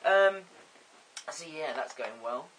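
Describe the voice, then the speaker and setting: Bright, chatty man. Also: on the high side, lively intonation, slow pace, slight background noise, low-quality recording. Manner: chatty, rambling, self-amused, frequent ums. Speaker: vlogger. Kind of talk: casual to-camera vlog.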